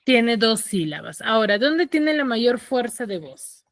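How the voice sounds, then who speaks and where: A woman's voice: on the high side, very animated, measured pace, dry recording, clean studio sound. Patient teacher questioning her class. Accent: Peruvian Spanish. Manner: patient, questioning, drills students step by step. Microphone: computer mic on a video call.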